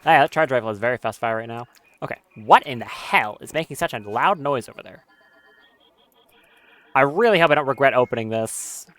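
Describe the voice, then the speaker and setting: A man's voice: mid-range voice, expressive, fairly quick, a bit bright, no echo. A man giving casual live commentary on his gameplay stream, swearing often and talking nervously as he goes.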